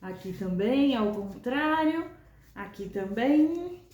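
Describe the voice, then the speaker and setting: A Brazilian woman gives a music lesson in a slow, patient way, chanting rhythm words to count the beats. Her voice sits a little high. The room around her is echoey. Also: expressive, a little mellow, dull audio. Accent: Brazilian Portuguese. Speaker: music teacher. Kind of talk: video lesson.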